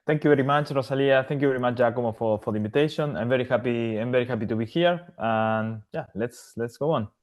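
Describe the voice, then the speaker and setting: Halting man from Argentina, mid pitch. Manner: halting, many repeated words and restarts. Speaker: podcast guest, AI governance consultant. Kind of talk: casual interview answers.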